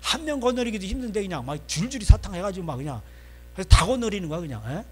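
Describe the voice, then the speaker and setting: Animated, husky-voiced male pastor. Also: high voice, quick pace. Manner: animated, folksy, constantly prompting the audience. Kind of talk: sermon. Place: church.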